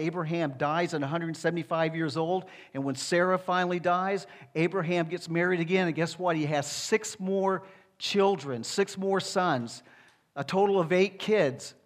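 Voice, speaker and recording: High-voiced man preaching a sermon. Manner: conversational preaching with rhetorical asides. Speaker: pastor.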